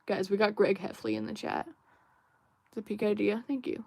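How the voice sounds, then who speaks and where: A woman's voice: medium pitch, level tone, normal speed, creaky, dark tone, no echo. A young woman hosting a casual livestream while drawing, musing and rambling with many fillers and restarts while she reads viewer chat aloud. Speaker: livestream host.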